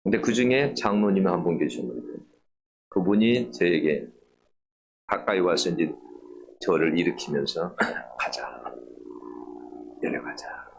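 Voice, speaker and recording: A man in middle age preaches a sermon, his voice rising and falling in wide swings as he tells a personal story. He swells higher and louder on the points he wants to stress. The recording carries a faint layer of room noise. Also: lively intonation, moderate pace, pauses often. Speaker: pastor. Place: church sanctuary.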